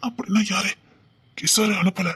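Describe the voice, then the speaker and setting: A woman playing a police officer who is a heartbroken lover in an audio drama, speaking with a Tirunelveli Tamil accent in a hushed, urgent way that turns mournful. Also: medium pitch, steady tone, normal speed, slight background noise, lightly acted. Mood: questioning.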